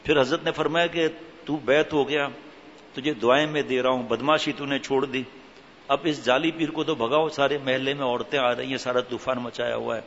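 A male preacher telling stories in a sermon, animated and humorous while stressing strict religious rulings. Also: medium pitch, a little hiss or hum. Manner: animated, mixes humour with stern religious rulings. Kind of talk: storytelling sermon. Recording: reverberant hall, dull lo-fi sound.

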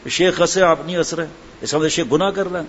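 In a slightly high, somewhat bright voice with fairly even intonation, a male preacher chats his way through a sermon, telling funny anecdotes and wandering into asides. The recording is dull lo-fi with a faint hiss of background noise.

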